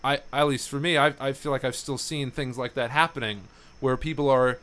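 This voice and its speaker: A man's voice: medium pitch, fairly even intonation, brisk, a bit bright, smooth. A man hosting a podcast, chatting casually with a guest, rambling a bit and dropping in lots of mm-hmms and fillers. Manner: rambling, frequent affirmations and fillers. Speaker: podcast host. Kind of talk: casual interview chat.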